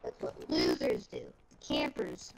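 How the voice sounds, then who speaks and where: A male host of a gaming video giving casual, rambling, excitable commentary while playing, his voice coming through with a robotic, glitchy distortion. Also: rumbling low, slow. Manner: rambling, excitable, filler-heavy. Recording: loud game noise behind voice.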